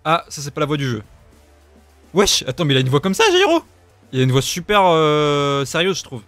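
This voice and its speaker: A man making a casual reaction video, talking in loose slang with sudden loud outbursts. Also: on the high side, a little fast, dry recording, soft background music. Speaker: YouTuber.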